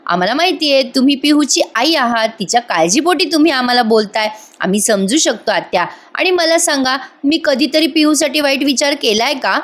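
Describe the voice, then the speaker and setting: Woman reading gentle young wife, soft and coaxing, fairly high voice. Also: normal speed, hardly any pauses. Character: gentle caring young wife, calm reasoner.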